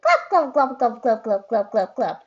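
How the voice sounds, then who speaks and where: Woman putting on a squeaky bubbly troll girl. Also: very animated, moderate pace, muffled recording. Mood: giddy. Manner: squeaky and giddy, says glub. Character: bubbly cheerful young female sea troll.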